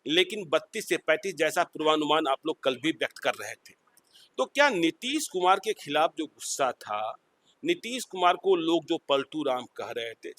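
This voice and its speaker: A man's voice: sits high, a bit bright. A man hosting a political panel discussion, speaking formally and leading with long questions. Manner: formal, measured, leads with questions. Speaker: host.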